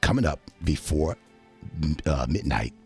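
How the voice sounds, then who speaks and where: Boisterous deep-voiced gravelly radio host. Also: male voice, animated, a little slow, darkish tone, soft background music. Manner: boisterous, laughing, wisecracking. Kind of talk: comic radio call-in show.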